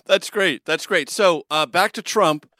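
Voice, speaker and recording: A playful male host who keeps the interview moving and plays along with his guest's bits. His voice sits a little high and the recording is dry and close. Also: a little slow, bright, forceful tone, dry recording. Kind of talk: casual interview.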